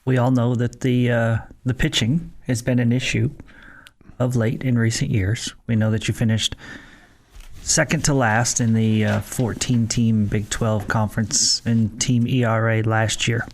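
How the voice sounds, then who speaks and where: A man co-hosting a casual sports radio show, asking a question in a steady, measured way. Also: mid-range voice.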